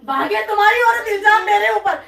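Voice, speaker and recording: An older woman with a very high voice argues on a live stream. She pleads and accuses, close to tears. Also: a little fast, creaky, fairly bright tone. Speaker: wife in a family dispute. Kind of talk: heated live-stream argument.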